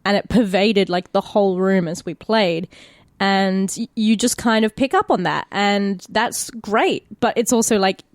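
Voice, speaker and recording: With no room sound at all, an Australian woman speaks at a medium pitch and an unhurried pace. She's an actor and podcast cast member, chatting candidly and casually and swearing freely.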